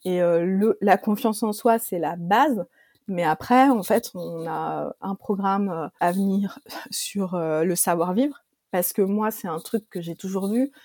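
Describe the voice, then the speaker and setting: A woman's voice: medium pitch, measured pace, a little mellow, no room sound, clean studio sound. A woman founder talking in a casual interview, her voice weak and trembling from an allergy, with many fillers and restarts. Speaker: app founder, guest.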